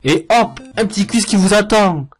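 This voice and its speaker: With soft background music behind him, a husky, high-sitting male voice at a moderate pace runs mocking commentary over cartoon clips. As a cartoon reviewer, he keeps it jokey and sarcastic.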